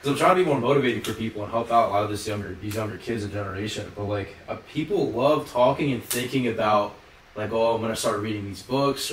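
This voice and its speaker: Young male podcast host, low voice, quick loose chatter full of fillers, roomy off-mic sound. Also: recorded from a distance, a little hiss or hum. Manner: rambling, filler-heavy, lots of "like" and swearing. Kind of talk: casual podcast chat.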